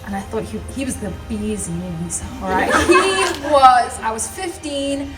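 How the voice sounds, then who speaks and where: Over a loud crowd, a young woman from South Africa tells her life story as a guest speaker, her slightly high voice lively in intonation and a little slow. She laughs often and speaks with chatty passion. The sound is roomy and far off, with music in the background.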